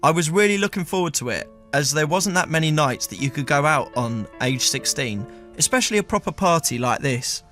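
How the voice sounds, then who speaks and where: A man with a fairly high speaking voice tells a comic story from his past in a dry, deadpan way. He sometimes stumbles over his words when the others tease him. Faint music plays under the talk. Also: a little fast, hardly any pauses. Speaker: storyteller host.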